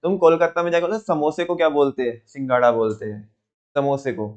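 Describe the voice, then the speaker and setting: A man teaching a class in a relaxed, conversational way, often checking that students follow. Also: on the high side, fairly quick. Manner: conversational, with frequent rhetorical check-ins. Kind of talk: classroom lecture.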